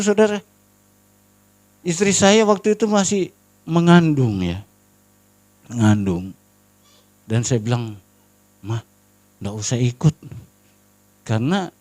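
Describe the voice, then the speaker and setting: A middle-aged man preaching a storytelling sermon as pastor at a church prayer service, earnestly addressing the congregation as brothers and sisters and dropping to a hushed tone at tense moments. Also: medium pitch.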